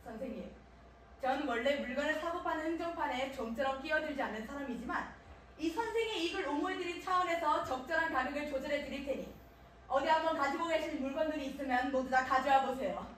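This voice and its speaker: A woman's voice: high voice, quick pace, a bit bright, a little hiss or hum. A woman acting in a live stage play as a scheming male art dealer with a polite, ingratiating, persuasive manner. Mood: coaxing. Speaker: student stage actor. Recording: echoey hall, miked from far off.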